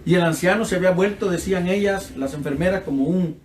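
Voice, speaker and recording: A man's voice: high-pitched, fast talker, darkish tone, roomy sound, a little hiss or hum. A man preaching a sermon with passion, acting out the voices in his stories, with a Central American Spanish accent. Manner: impassioned, acts out dialogue in his stories.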